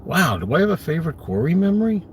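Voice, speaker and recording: A middle-aged live stream host with a Brooklyn, New York accent chats casually from his parked car, answering viewers in a rambling, self-deprecating way. His voice sits on the high side, very animated, and he talks fast, with a little hiss or hum in the audio.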